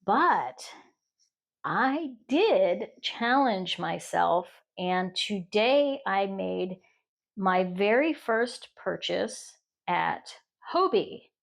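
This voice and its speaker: A woman's voice: medium pitch, expressive, extremely slow, creaky. Middle-aged american woman rambling about crafts on her vlog, lots of restarts, casual chatty tone. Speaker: crochet vlogger. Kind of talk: casual chat.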